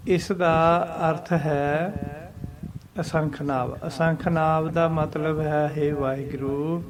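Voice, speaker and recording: A man with a Punjabi accent teaching the correct recitation and meaning of scripture, speaking slowly and deliberately and adding English glosses. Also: on the high side, steady tone, crowd noise. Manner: slow and deliberate, chants scripture lines, mixes in English glosses. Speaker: Gurbani teacher. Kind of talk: slow religious lesson on recitation.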